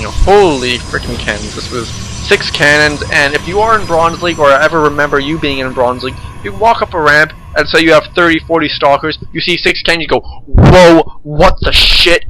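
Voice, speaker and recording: A man's voice: a little high, a little fast, few pauses, background noise. A young man casually commentating a strategy game replay, joking and sarcastic.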